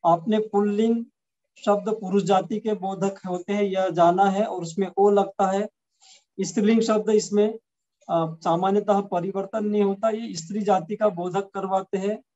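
Male language teacher, lofty voice, unhurried drilling delivery, muffled recording. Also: high voice, fairly even intonation, warm tone. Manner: slow, deliberate drilling of words for the listener to repeat. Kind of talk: slide-based language lesson. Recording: dull lo-fi sound.

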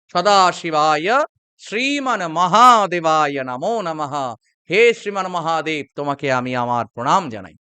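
Bright-voiced Bengali man teaching a chant. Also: high voice, clear, resonant tone, dry recording. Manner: slow drawn-out chanting, then steady explanation. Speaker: mantra teacher. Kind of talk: chanting and explaining a mantra.

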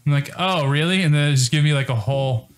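A young man co-hosting a casual podcast, telling a short story with frequent laughs and quick asides. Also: on the high side. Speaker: podcast co-host. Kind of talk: casual chat.

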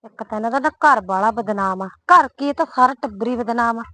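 A woman playing a fretful, sharp-tongued village woman with a Punjabi accent, who scolds, calls out loudly and frets about gossip. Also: on the high side, fast talker, no room sound. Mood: worried muttering. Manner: scolding, anxious about gossip, loud when calling. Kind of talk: comic short-film acting.

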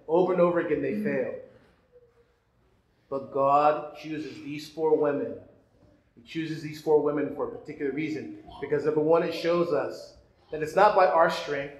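A man's voice: a little high, muffled recording. A male priest giving a sermon, preaching earnestly with rhetorical questions and repeated phrases. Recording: echoey church room, faint ambience.

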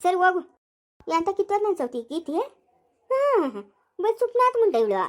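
Sharp-tongued village mother-in-law, played by a woman. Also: extremely high pitch, very animated. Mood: scolding. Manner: scolding, rapid.

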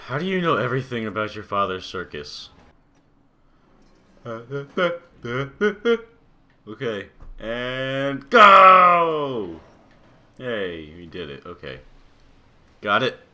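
A man's voice: lowish voice, expressive, normal speed, long pauses, bright, forceful tone. A man giving casual, sarcastic let's-play commentary into a desktop microphone, grumbling and swearing when he gets stuck. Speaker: gamer playing a story game.

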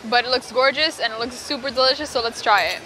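A woman's voice: on the high side, quick pace, noisy background. A woman food vlogger, upbeat and enthusiastic, casually reviewing a meal at an outdoor seafront restaurant.

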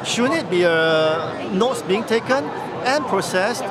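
A man, giving a brisk, persuasive product pitch at a trade show, filling gaps with "uh". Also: animated. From Singapore. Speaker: company tech chief giving a product demo. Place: busy indoor trade-show hall. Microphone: handheld camera mic held close. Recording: loud trade-show crowd. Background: loud crowd chatter.

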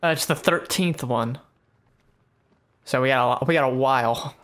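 Gamer guy co-hosting a let's play, rambly, laughs a lot, mid-pitched. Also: a bit bright. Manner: rambling, laughing, drawn-out tangents. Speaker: let's play co-host, player. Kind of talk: casual gameplay chat.

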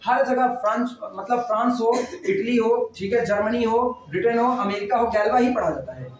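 A man's voice: very high voice, normal speed, a little hiss or hum. A man teaching math in a classroom, chatting and repeating phrases as he dictates notes. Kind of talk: classroom lecture. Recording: echoey room, mic far off.

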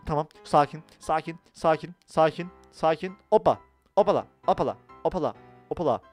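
An excitable young man from Turkey narrating his Minecraft play, with a high voice for a man. He bursts into loud shouts and playful chatter, with faint music underneath. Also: brisk. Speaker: gaming YouTuber. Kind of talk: Minecraft let's-play role-play.

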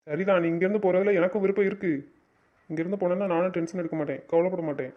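A man's voice: high voice, fairly even intonation, very fast. A man in a romantic audio drama, scolding and teasing his partner in a bossy way. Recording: dull lo-fi recording.

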